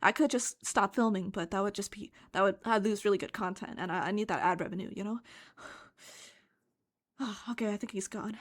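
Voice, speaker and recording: A woman streamer putting on a scared, self-serving young video-maker in a cute, hushed, breathy mock panic. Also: mid-range voice, fairly even intonation, normal speed, natural voice. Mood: hushed, nervous. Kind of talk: mocking improvised impression.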